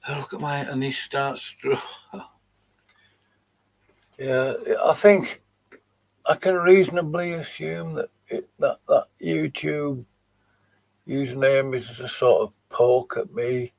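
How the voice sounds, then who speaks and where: A man's voice: medium pitch, slow, vocal fry, long pauses, a little mellow. A man hosting his channel, mocking and dismissive as he comments on video clips he plays. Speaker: channel host reacting to videos. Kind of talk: live commentary on played clips.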